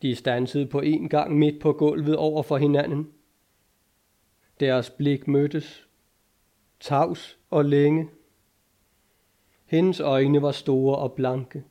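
Man, audiobook narration, mellow dark timbre, measured, dramatic. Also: a little high, flat delivery.

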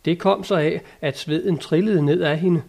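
A down-to-earth squire from a storybook, blunt and folksy, as a male narrator reads him, in a fairly high voice. He answers plainly and matter-of-factly, without any grandeur. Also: steady tone, gravelly, darkish tone. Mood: dry. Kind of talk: audiobook character reading.

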